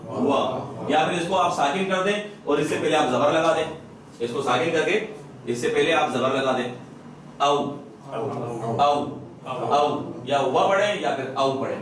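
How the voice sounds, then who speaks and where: A man teaching Quran recitation in a madrassa classroom. He quizzes students over and over and slowly demonstrates each sound. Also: on the high side. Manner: drills students with repeated questions and slow sound demonstrations. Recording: echoey classroom from far off.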